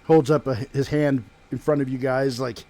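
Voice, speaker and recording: A man's voice: mid-range voice, fairly even intonation, normal speed, dark tone. Man, game master, tabletop role-play narration, mid-range voice.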